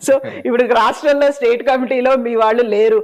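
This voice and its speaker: A woman's voice: on the high side, steady tone, fast talker. A woman interviewer, pressing a politician with probing follow-up questions.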